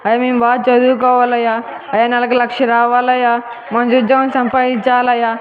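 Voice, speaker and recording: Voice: mid-range voice, completely flat delivery, fast, natural voice. An actor playing a poor jobless young man who complains and prays for work. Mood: complaining. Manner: complaining, pleading. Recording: tinny phone-like sound.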